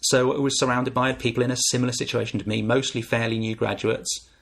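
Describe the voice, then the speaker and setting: Gravelly, husky northern English man. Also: mid-range voice, flat delivery, fast talker, fairly bright tone. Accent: northern English, softened by years in the south. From north of England. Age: 40s. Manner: reflective, candid, thinking aloud with small restarts. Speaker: podcast host. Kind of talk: solo podcast monologue.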